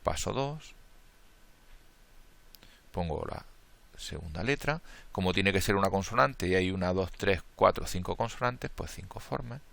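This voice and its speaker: A man with a deep, gravelly, fairly bright voice lectures in an animated way at a measured pace, leaving long pauses. He is a math lecturer with a Spain Spanish accent, working a combinatorics problem step by step, counting aloud, thinking out loud, and catching his own slips.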